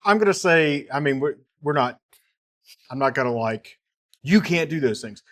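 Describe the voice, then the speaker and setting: Male game master, slightly high voice, easygoing, talks through rules in restarts. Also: lively intonation, moderate pace, a bit bright. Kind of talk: narrating a tabletop game.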